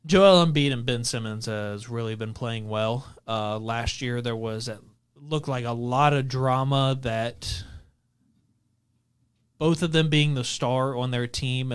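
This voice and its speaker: A man's voice: mid-range voice, smooth. A man co-hosting a basketball podcast, running through upcoming games in a casual, filler-heavy chat. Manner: runs through game schedules with fillers. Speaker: podcast co-host.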